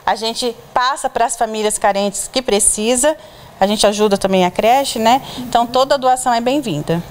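Woman, 30s, Brazilian Portuguese accent, charity volunteer, fairly high voice, plain listing delivery. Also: moderate pace. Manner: plain, listing details, short affirmations. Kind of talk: on-camera interview. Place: indoor charity clothing bazaar. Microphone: reporter's handheld mic.

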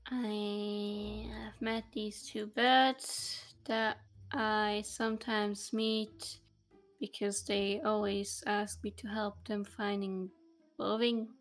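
A woman voicing Ivy, a naive, curious camper in a fan roleplay, asking innocent questions in a slow, halting way. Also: mid-range voice, level tone, faint music behind. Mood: dreamy.

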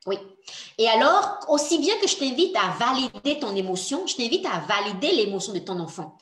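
A woman's voice: a little high, sing-song, normal speed, fairly bright tone, echoey room. A woman coaching mothers in a workshop, speaking earnestly and encouragingly, addressing the listener directly. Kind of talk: workshop talk.

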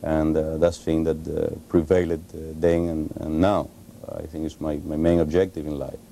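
Very deep-voiced Cuban man, halting. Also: level tone, creaky, warm tone, slight background noise. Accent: Cuban Spanish. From Cuba. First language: Spanish. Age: 40s. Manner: halting, frequent uh pauses and restarts. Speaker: interview guest, author. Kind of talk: televised studio interview. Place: TV studio. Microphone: lapel.

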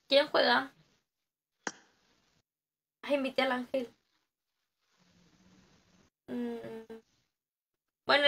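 Woman streamer, young, high bright voice, unhurried, jokey with chat. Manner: joking, reads chat aloud and greets viewers. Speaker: game streamer. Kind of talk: casual live-stream chat.

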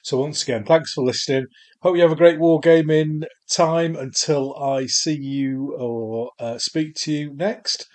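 A man's voice: on the high side, steady tone, unhurried. Yorkshire man hosting a hobby podcast. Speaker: podcast host. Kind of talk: casual chat.

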